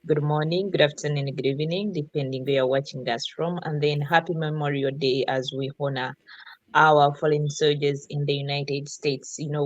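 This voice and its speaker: A woman's voice: low-pitched, no echo, highs cut off. A woman from Uganda, a guest on a live online talk show, greeting viewers earnestly.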